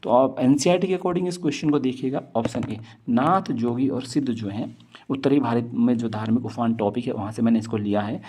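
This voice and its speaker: A man's voice: mid-range voice, brisk, mellow, a little hiss or hum. A man teaching a history lesson, reading multiple-choice questions and options aloud and then explaining each answer, often repeating key points and mixing in English words. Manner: mixes in English words and phrases. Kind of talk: exam question walkthrough.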